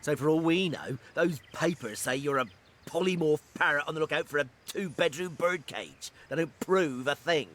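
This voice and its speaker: An actor playing an easygoing, wry, tippling guard in a fantasy game, mocking in a laid-back way. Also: male voice, fairly high pitch, moderate pace, lightly acted. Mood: wry, skeptical. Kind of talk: fantasy video game voice acting. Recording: loud music under the voice.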